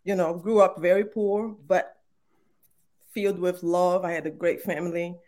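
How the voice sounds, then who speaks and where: Speaking at a moderate pace in a low, level voice, this Brazilian podcast guest, a native Portuguese speaker with a Brazilian Portuguese accent, shares her story in a casual interview. Fillers come often, and her tone is earnest, warm, and full of faith.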